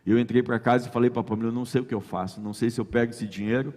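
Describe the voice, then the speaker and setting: A man's voice: medium pitch, rapid-fire. A man telling a personal faith testimony as a guest, acting out the dialogue in his story. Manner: lively storyteller who acts out quoted dialogue. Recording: long reverb.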